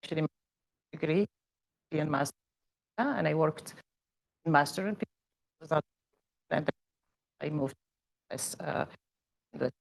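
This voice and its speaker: A middle-aged Tunisian woman, an associate professor, gives an academic seminar talk in a conversational manner. Her voice is low-pitched and creaky, and she pauses often with fillers.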